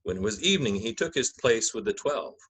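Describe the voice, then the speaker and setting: A man's voice: on the low side, expressive, a little fast, fairly bright tone, breathy edge. A man speaking as a pastor, delivering a church message and scripture narration. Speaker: clergyman and narrator of a gospel reading.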